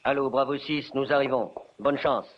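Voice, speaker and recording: A man's voice: medium pitch, fairly even intonation, normal speed, highs cut off. An actor playing a male military radio operator, speaking in clipped, formal radio procedure, his voice fading in through static on a radio transmission. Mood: businesslike. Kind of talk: dubbed TV adventure series.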